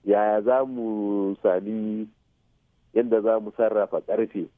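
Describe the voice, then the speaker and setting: In a fairly low voice with fairly even intonation, a Hausa-accented Nigerian man speaks slowly as an expert radio guest, slipping English technical terms into his explanations and checking comprehension with short tag questions. The recording has no echo and a muffled, phone-like sound.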